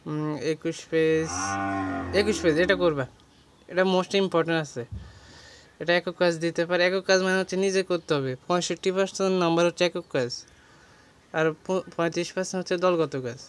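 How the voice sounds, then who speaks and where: Flat-toned man teaching exam prep. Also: a little high, brisk, long pauses, slight background noise. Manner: walks page by page through a textbook, listing words and meanings. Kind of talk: exam guidance lesson.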